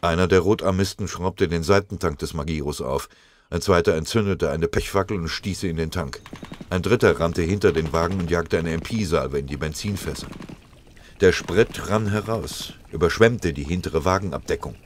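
In a low voice at a moderate pace, a male narrator reads a war story aloud as scripted audiobook narration. His storytelling is dramatic and vivid. A little hiss or hum sits under the recording.

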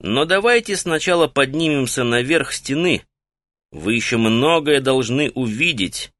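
A man's voice: medium pitch, expressive, a little slow, fairly bright tone, no room sound, pitched above the performer's own voice. A man doing a knowing old guide. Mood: explaining. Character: male local guide carried in a litter, knowing.

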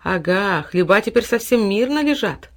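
Woman voicing an excitable young boy, high-pitched, bright, wide-eyed, storybook audiobook. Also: fairly quick. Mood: excited. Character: eager excitable little boy Tyltyl. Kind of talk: audiobook fairy tale reading.

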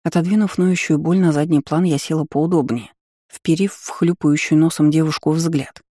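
Woman reading a novel, mellow tone. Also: sits low, fairly even intonation, moderate pace, no echo, studio quality. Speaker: audiobook reader. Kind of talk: first-person novel narration.

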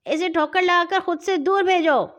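A woman voicing a bossy football team captain who gives brisk, urgent orders in a storybook. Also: sits high, natural voice.

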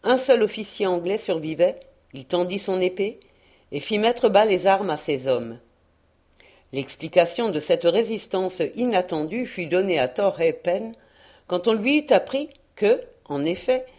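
A woman narrating a historical adventure novel in a measured, expressive reading voice. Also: fairly low pitch. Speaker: audiobook reader. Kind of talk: scripted narration.

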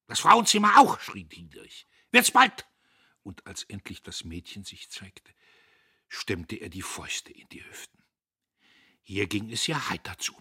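Husky male audiobook narrator. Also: low-pitched, no echo, clean studio sound. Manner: dramatic, expressive reading. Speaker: audiobook reader.

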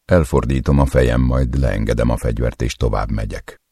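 A man narrating a first-person audiobook in a cold, measured, menacing way. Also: rumbling low, steady tone, mellow, no room sound, clean studio sound.

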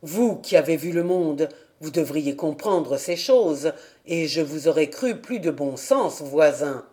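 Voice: mid-range voice, expressive, unhurried, mellow, close to an everyday voice. A reader doing an earnest village pastor. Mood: reproachful. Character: earnest village pastor, middle-aged man. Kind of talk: audiobook character reading.

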